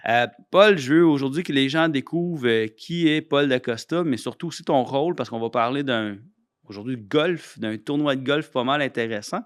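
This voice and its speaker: A man with a Québécois accent hosting a podcast, chatting warmly with many restarts and fillers. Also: medium pitch, moderate pace, no room sound, clean studio sound. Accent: Québécois French. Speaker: podcast host, foundation CEO. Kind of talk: casual podcast interview.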